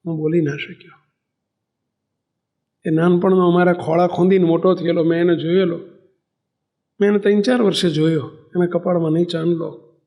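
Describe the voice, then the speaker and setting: A male preacher tells a story during a sermon and acts out the voices in it. His voice sits high and has a gravelly rasp. He narrates steadily. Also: fairly even intonation, moderate pace, pauses often, dark tone. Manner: storytelling, acting out dialogue. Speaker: spiritual teacher.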